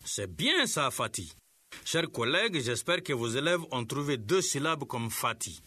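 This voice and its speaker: A man teaching a scripted radio lesson, giving slow, clear instructions to teachers and pupils. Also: medium pitch, very animated, sharp tone, slight background noise.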